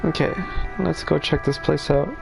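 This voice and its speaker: A man's voice: a little high, fairly even intonation, normal speed, gravelly, music in the background. A male streamer giving casual, laid-back gameplay commentary, laughing and cussing as he plays.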